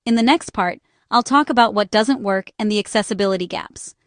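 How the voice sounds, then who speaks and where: The recording is dry and cleanly studio-made, and the woman's mid-range voice is brisk. She is a narrator and small business owner reading a scripted accessibility explainer in short, instructional phrases.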